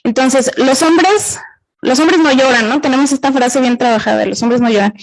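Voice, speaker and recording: A woman's voice: high-pitched, moderate pace, poor audio. A middle-aged woman with a Mexican accent giving an interactive talk to students, explaining step by step and putting questions to the audience. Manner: explanatory, asks the audience questions and repeats their answers. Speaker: university gender violence workshop speaker.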